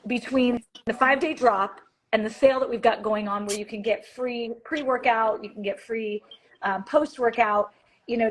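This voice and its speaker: A bubbly woman hosts a casual live-stream chat. Her voice sits a little high, and she talks in a chatty, upbeat way with frequent laughter. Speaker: host of a live wellness chat.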